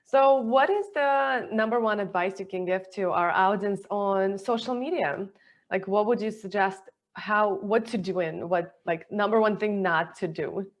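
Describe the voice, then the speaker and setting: A woman's voice: mid-range voice, unhurried. A woman hosting a podcast interview, enthusiastic and asking rambling questions in non-native phrasing. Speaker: podcast host.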